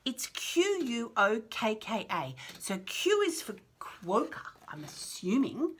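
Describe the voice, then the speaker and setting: A woman with a fairly high, husky voice and huge swings in pitch takes her time reading a picture book to toddlers. As a children's storyteller she sounds encouraging and sing-song, sounding out words carefully and adding chatty asides.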